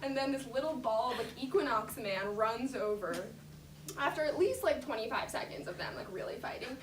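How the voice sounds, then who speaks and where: A woman's voice: fairly high pitch, lively intonation, moderate pace. A young adult woman telling a casual story full of fillers, often laughing as she talks. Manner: lots of fillers, frequent laughter. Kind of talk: casual anecdote. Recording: echoey room, distant mic, background noise.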